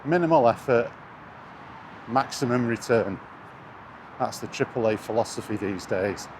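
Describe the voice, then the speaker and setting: Out walking by a busy road, a British gaming vlogger swears his way through a casual, scornful rant. His mid-range voice is animated and his pace measured. Traffic and street noise fill the background.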